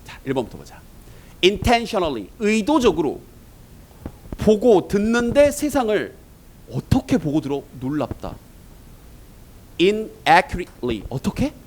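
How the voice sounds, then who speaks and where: A male teacher works through English test answers in a lecture, firing rhetorical questions at his students. His voice sits on the higher side and swings widely up and down. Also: big pitch swings, slow, pauses often, a little mellow, rough recording. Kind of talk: exam-prep lecture.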